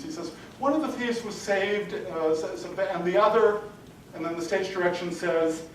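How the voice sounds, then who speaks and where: A man giving an adult-education lecture, rambling and full of "sort of, you know" fillers. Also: a little mellow. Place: lecture hall. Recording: distant mic in a very echoey room with faint rumble.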